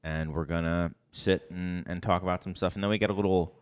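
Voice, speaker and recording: A middle-aged podcast co-host talks casually and meanders, restarting sentences and dropping ums along the way. His voice is low, steady, and clean, running a little fast, with reverb on it.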